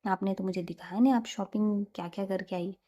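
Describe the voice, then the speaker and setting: A woman's voice: medium pitch, steady tone, a little fast, warm tone, lightly acted. A woman storyteller voicing a cheeky, coaxing younger sister.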